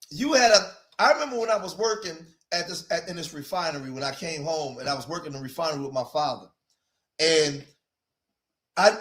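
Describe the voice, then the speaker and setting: A fairly high-pitched man in his forties with an East Coast accent hosts a casual livestream. He talks straight to his viewers and circles back on his own phrases for emphasis. The echoey room rings around him. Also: a bit bright. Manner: talks to his viewers, repeats phrases to drive points home. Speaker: livestream host.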